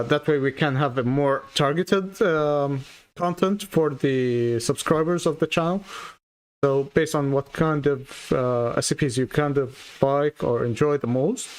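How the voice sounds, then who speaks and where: A male streamer talks casually to his live audience in a mid-pitched voice. He rambles in a halting way and often circles back to repeat his words. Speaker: streamer reacting to videos.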